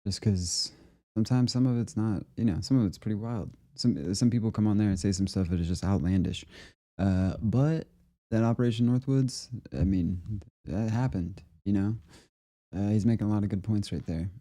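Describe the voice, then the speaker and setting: A man hosting a conspiracy video series, giving relaxed, rambling commentary on the clips he plays. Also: lowish voice, normal speed. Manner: rambling and relaxed, with fillers and laughs. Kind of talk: casual commentary reacting to clips.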